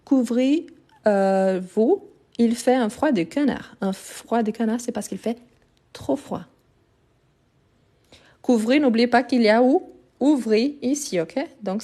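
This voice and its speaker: A woman with a mellow, warm voice teaches grammar on a live stream. She explains patiently and repeats the key words. Her voice comes through a phone microphone. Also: on the high side, unhurried. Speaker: French teacher. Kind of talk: live online grammar lesson.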